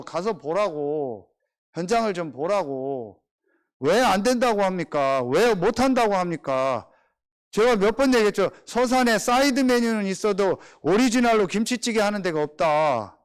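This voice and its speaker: Lively high-voiced male pastor preaching. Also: smooth. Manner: animated, rhetorical questions, storytelling. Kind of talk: sermon.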